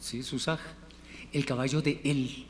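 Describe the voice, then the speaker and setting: A man teaching a Hebrew class, patiently drilling word forms and repeating them slowly for his students. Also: mid-range voice, steady tone. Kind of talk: classroom lesson. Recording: reverberant room with faint noise.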